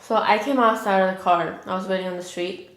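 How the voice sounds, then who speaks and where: A young mukbang vlogger chats casually while eating on camera, rambling and filling her pauses with a heavy use of "like." She speaks in a steady, mid-range voice, and the room around her echoes noticeably.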